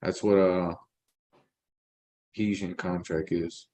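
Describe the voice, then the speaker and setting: Low-voiced middle-aged man talking casually. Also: flat delivery, darkish tone. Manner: halting, repeats words, explains with examples; colloquial street slang. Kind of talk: casual discussion.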